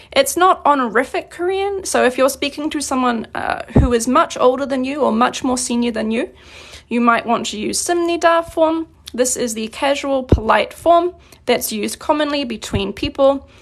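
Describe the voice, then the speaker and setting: A woman from New Zealand teaching a live-streamed grammar lesson, explaining patiently and clearly, slowing down on her examples. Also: high-pitched. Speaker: Korean language teacher.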